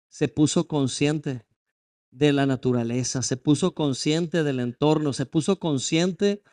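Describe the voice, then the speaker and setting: Male pastor, high voice, emphatic sermon delivery built on rhetorical questions. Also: darkish tone.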